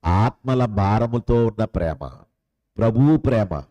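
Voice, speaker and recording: A man preaching a sermon as pastor. He asks many rhetorical questions and swings between loud, high lines and soft, low ones. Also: animated, a little slow, muffled recording.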